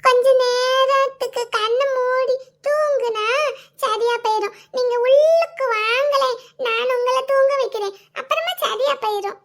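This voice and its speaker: A woman voicing a small sweet-natured cartoon child who fusses over the grown-ups around them. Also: exaggerated voice. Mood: caring. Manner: slow, very high and bright, childlike.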